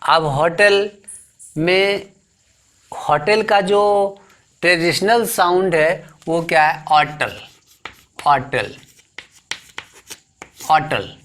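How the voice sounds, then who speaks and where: A man's voice: high-pitched, slow pace, pauses often, fairly bright tone. A man with an Indian accent teaching English grammar, asking rhetorical questions and repeating words as he explains. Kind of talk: classroom lesson explanation.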